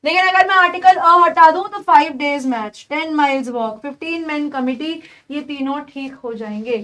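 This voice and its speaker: High-voiced woman teaching English grammar. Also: steady tone, measured pace, fairly bright tone. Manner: explains step by step, calls students "beta"; mixes Hindi with English example sentences. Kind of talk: online exam-prep lecture.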